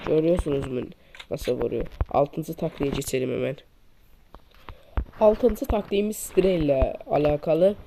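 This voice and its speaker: At a moderate pace and with some vocal fry, a mobile shooter creator teaches tactics in a casual screen-recorded tutorial, repeating his demonstrations and addressing viewers as friends. The cheap mic catches loud gunfire and clicks, though the noise is fairly slight.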